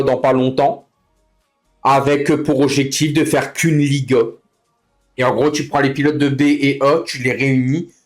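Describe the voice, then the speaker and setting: Guy on a game stream, medium pitch, slangy and complaining, says things over again, quiet music under it. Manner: fed-up, complaining, repeats himself; slangy, informal. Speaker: livestreamer running an online racing league. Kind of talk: casual live stream chat with other players.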